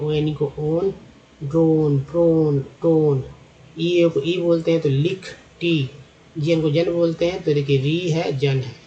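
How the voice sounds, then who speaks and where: A man's voice: fairly high pitch, warm tone, dull audio, a little hiss or hum. A man teaching English phonics over slides, spelling out letter groups and then sounding out example words patiently.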